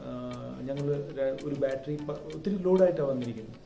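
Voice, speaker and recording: A man's voice: medium pitch, brisk, creaky, mellow. Roomy-sounding Malayali man mixing Malayalam and English. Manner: mixes Malayalam and English, switching mid-sentence. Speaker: vlog presenter. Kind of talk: casual vlog talk. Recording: roomy, distant mic with music behind.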